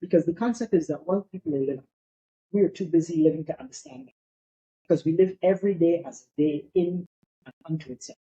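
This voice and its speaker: A man's voice: fairly high pitch, lively intonation, quick pace, warm tone, dull audio. A middle-aged man from Barbados, a podcast guest talking in a reflective, philosophical way in casual conversation.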